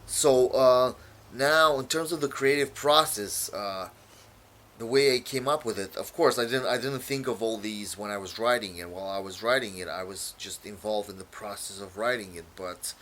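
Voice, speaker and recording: The Romanian-born poet, whose first language is Romanian, halts and repeats himself a lot, using many fillers as he explains his poem. His pitch is fairly low and a bit bright, and a little hiss or hum can be heard.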